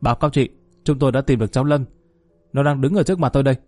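A gruff, fatherly police colonel, as a man puts him on in a read-aloud story. He scolds briskly with a mellow, warm voice. The sound is dry and close. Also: mid-range voice, dry recording, lightly acted.

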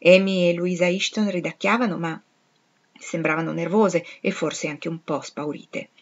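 A woman reading a classic novel aloud in a measured, expressive storytelling manner. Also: on the low side, dull audio. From Italy. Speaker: audiobook reader.

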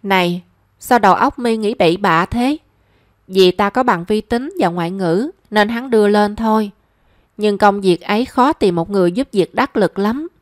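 A woman's voice: mid-range voice, moderate pace, no echo, studio quality, lightly acted. A woman voicing a shy, flustered young woman in a story.

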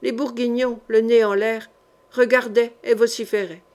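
A woman's voice: fairly high pitch, steady tone, moderate pace, a little mellow. Dramatic woman audiobook narrator.

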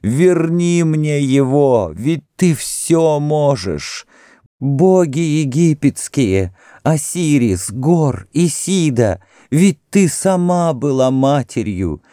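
A man's voice: drawn-out words, dark tone, dry recording, clean studio sound, full character voice. A man reading an audiobook, voicing a grief-maddened young mother who screams and wails. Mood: anguished wailing. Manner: screaming, sobbing, raised to a shrill cry.

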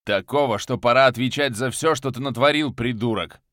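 A man voicing a cold, venomous male crime boss who shouts in fury. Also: medium pitch, lively intonation, measured pace, dry recording, clean studio sound, pitched above the performer's own voice. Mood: furious.

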